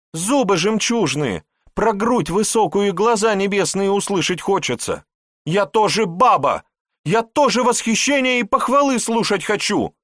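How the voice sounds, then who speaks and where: A man's voice: fairly bright tone, dry recording, studio quality. A man reading an audiobook, voicing a jealous young grand princess who pleads and scolds. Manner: pleading, then fiery and shrill.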